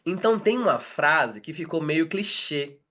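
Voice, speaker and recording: A man's voice: on the high side, expressive, a little slow, a bit bright. A Brazilian man, a spiritual teacher and therapist, teaches a class through confiding personal stories and acts out the dialogue he quotes. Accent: Brazilian Portuguese. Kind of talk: personal storytelling in an online class.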